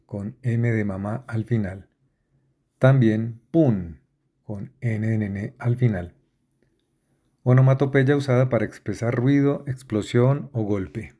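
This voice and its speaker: A man reading dictionary entries aloud in a measured way, spelling out how each word ends. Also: medium pitch, dark tone.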